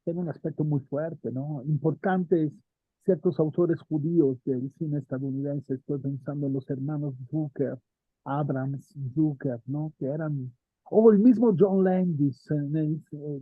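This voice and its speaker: A man with a slightly high, fairly even voice teaches theater history to a small class, speaking a little slowly. He thinks aloud, asks his students questions, and often says "¿no?" during the lecture and discussion. The audio has no echo but is narrow and tinny.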